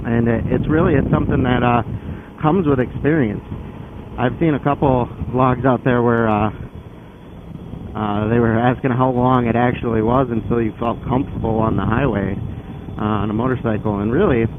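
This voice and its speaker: Male motorcycle vlogger, conversational and loosely rambling, mid-pitched voice, tinny narrowband sound with clear vehicle noise. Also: steady tone, normal speed. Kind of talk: casual explanatory vlog while riding. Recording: phone-like band, loud wind and engine noise. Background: loud vehicle and outdoor noise.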